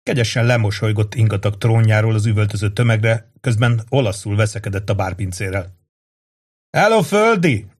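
A man narrating a novel as an audiobook, in a steady storytelling manner. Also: fairly low pitch. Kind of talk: scripted narration.

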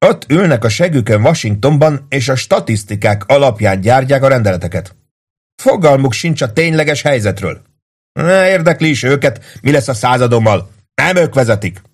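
A man voicing an excitable, fretful army lieutenant who bursts into agitated exclamations. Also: medium pitch, breathy edge, voice pushed up. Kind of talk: audiobook character voice.

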